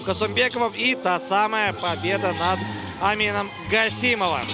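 A man's voice: high-pitched, moderate pace, vocal fry. A man giving live commentary on a mixed martial arts fight as a broadcast commentator. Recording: loud music and crowd behind voice. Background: loud music and arena crowd.

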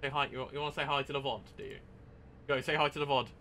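A man's voice: medium pitch, steady tone, fast, bright, forceful tone, slight background noise. A man streaming a train driving game, chatting casually and upbeat, throwing in sound-effect exclamations while he greets chat. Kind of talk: casual gameplay commentary.

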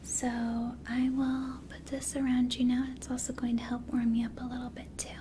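A young woman playing an attentive, gentle flight attendant in a soft, soothing whispered role-play. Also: high voice, completely flat delivery, normal speed, slight background noise, close to an everyday voice. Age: young adult. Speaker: ASMR performer.

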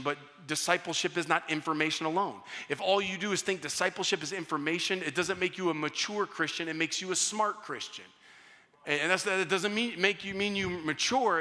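A man preaching a sermon as pastor, energetic, repeating and restarting phrases as he climbs in pitch and volume to act out scripture voices. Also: big-room sound.

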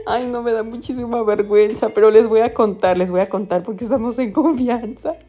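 Faint music plays behind this young woman's warm, high-leaning voice as she talks a little fast. With a Mexican Spanish accent, she vlogs casually through a quiet town center and into a café, giggling and exclaiming as she tells stories.

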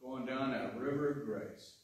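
A man's voice: medium pitch, measured pace. A man giving a folksy, self-deprecating lay sermon with frequent chuckles in a church. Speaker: lay speaker. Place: church sanctuary. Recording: echoey church from far off.

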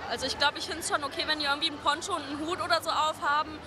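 A woman's voice: high voice, steady tone, racing, noisy background. A young woman answering a street interview outdoors at a carnival, speaking thoughtfully with some hedging. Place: outdoors in a city during carnival. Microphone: handheld interviewer mic. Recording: loud crowd and music behind.

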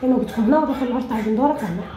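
A woman with an Algerian Arabic accent teaching a sewing tutorial, talking quickly to viewers and often correcting herself. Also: on the high side, reverberant. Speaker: sewing instructor. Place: room at a cutting table.

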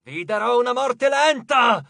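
A man voicing a vengeful female goddess of misery who growls slow, drawn-out threats in an audiobook. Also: very high-pitched, expressive, vocal fry, pushed and bright, no echo, studio quality, pitched above the performer's own voice, exaggerated voice. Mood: menacing.

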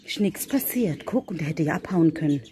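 A woman's voice: deep voice, lively intonation, brisk, noisy background. A woman vlogging casually while feeding her cats and other animals, calling to them in a sing-song voice. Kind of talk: casual vlog talk to animals and viewers.

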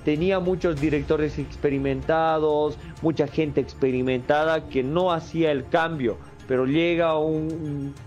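A man speaking as a football analyst in a steady, measured flow, his voice a touch higher than most men's. Faint music plays underneath his call audio. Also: lo-fi sound. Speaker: sports analyst guest. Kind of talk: sports debate talk. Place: indoor room. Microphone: earphones on a video call.

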